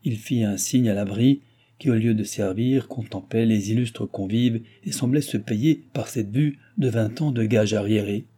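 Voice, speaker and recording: A man narrating a classic novel as an audiobook in even, measured storytelling. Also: fairly low pitch, husky.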